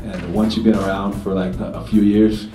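At a moderate pace and a pitch on the low side, a New Zealander in his thirties who fronts a reggae band answers a panel's questions in a relaxed, wandering way, using many fillers. The meeting room's table mic is distant, the sound is roomy, and music runs in the background.

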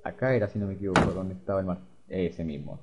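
A man's voice: low-pitched, fast. A man playing a video game, muttering to himself and reading on-screen text aloud. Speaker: gamer. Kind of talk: let's play commentary. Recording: dull lo-fi recording with faint hiss.

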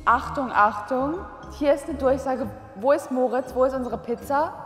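A young woman making a playful, mock-formal announcement over a store's public address loudspeaker. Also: high voice, normal speed, echoey room, long reverb tail, faint music behind. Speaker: vlog participant.

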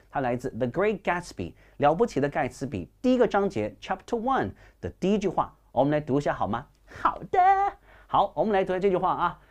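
A male English teacher whose voice rises and falls in a very animated way. He switches between Chinese and English, slows down to read each English sentence word by word, and encourages the class warmly. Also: on the high side. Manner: lively, encouraging teacher, reads English slowly and carefully. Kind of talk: bilingual classroom lecture.

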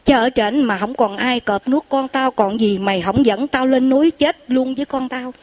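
A woman's voice: sits high, moderate pace, darkish tone. A woman voicing an old mother who grieves for her lost son and pleads tearfully. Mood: pleading.

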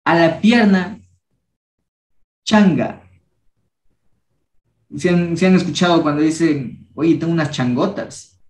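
A young man teaching a language workshop, patiently repeating each word slowly so students can copy its pronunciation. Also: a little high, echoey room. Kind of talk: teaching a class.

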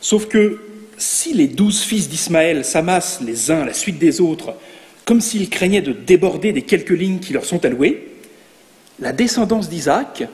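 Higher-voiced man preaching in a hall. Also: animated, a little slow, a little mellow. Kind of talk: sermon. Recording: long reverb in a large hall.

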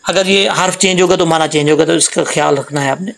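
A man teaching Quran tajweed, explaining letter sounds patiently and repeating them slowly. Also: fairly high pitch, creaky, fairly bright tone, rough recording. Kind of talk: Quran tajweed lesson with recitation.

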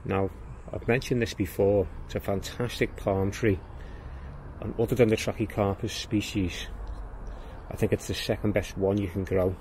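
Outdoors in a walled garden, a low-voiced gardening vlogger gives a casual tour, his tone steady and a little mellow. He speaks plainly and without hurry, explaining things as he walks. A little hiss or hum is present.

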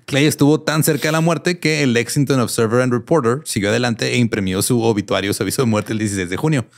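A man's voice: medium pitch, fast, creaky. A man with a Mexican Spanish accent co-hosting a casual comedy history podcast, reading quotes aloud and laughing often. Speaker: podcast co-host telling a history story.

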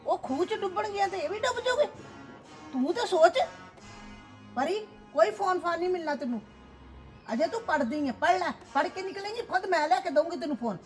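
A woman's voice: extremely high pitch, animated, fairly quick, faint music behind. A woman playing a stern grandmother who scolds and lectures in a family drama. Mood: scolding. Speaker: actor.

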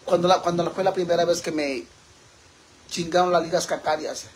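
A man's voice: fairly high pitch, steady tone, normal speed. A man with a Mexican accent hosting a casual livestream, flamboyant and campy as he answers viewer comments and laughs often. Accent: Mexican Spanish.

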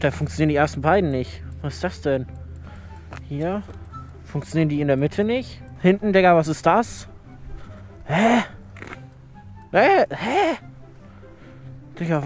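A man's voice: fairly high pitch, expressive, measured pace, pauses often, soft background music. Chatty young man motovlogging, slangy. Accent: German. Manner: chatty slangy banter, frequent exclamations. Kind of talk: casual motovlog commentary. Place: riding a motorcycle outdoors on town streets.

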